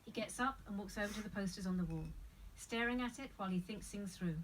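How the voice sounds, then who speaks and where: Female narrator, scripted stage directions, table read, medium pitch, off-mic, noisy background. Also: quick pace, far from the mic.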